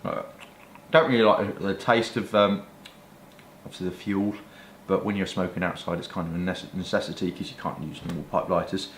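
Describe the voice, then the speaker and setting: A low-pitched British man with a flat delivery talks a little fast as he presents pipes and tobacco to camera. His chat is rambling, colloquial and mildly profane, in hobby-vlogger style. The space sounds roomy and echoey, with faint background noise.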